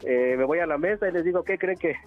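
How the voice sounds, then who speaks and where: A man's voice: fairly high pitch, fast, faint music behind. Mexican man calling in over a phone line. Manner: rambling, often tags "¿no?" and chuckles. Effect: heard over a telephone line. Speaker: radio call-in caller. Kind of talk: casual phone chat, telling gossip. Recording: dull, muffled phone line.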